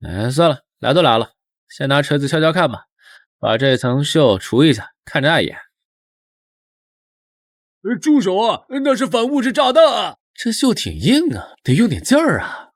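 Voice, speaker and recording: A man's voice: medium pitch, very animated, moderate pace, no echo, clean studio sound. A man voicing a laid-back young mechanic with a casual, unbothered manner, the lead of a motion comic. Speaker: lead character.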